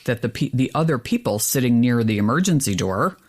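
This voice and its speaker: Woman, podcast co-host, casual and animated storyteller. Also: brisk. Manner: animated storyteller, rises in pitch when exasperated. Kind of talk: casual chat.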